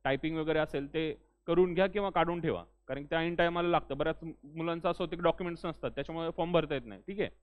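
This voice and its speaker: Man, classroom teacher, slightly high voice, friendly, lo-fi phone-like sound. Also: a little hiss or hum. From Maharashtra. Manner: friendly, fills pauses with "ठीक आहे"; loudly urges students to speak up. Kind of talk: classroom lecture. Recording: tinny phone-like recording.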